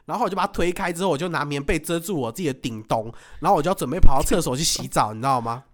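A man telling a story in casual chat, animated, laughing often and acting out what he said. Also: a little high, very fast. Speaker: podcast co-host.

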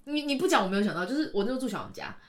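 A young woman, a podcast guest telling a personal story in an animated way, laughing often and trailing off into restarts. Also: medium pitch, very fast, background noise. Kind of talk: casual storytelling.

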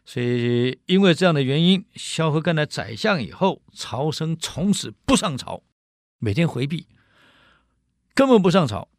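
A man lecturing on management through stories from history, acting out scenes and adding quick asides. His pitch sits a little high and moves a lot. The sound is dry and close. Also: no echo. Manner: lively, acts out scenes, explains asides. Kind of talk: animated storytelling lecture.

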